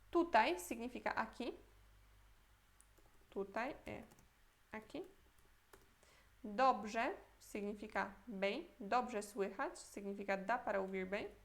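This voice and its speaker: A Brazilian woman teaching a language lesson, repeating words slowly, thinking aloud and checking in often with her student. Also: fairly high pitch. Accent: Brazilian Portuguese. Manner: thinks aloud, unsure and self-correcting. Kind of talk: Portuguese-language Polish lesson.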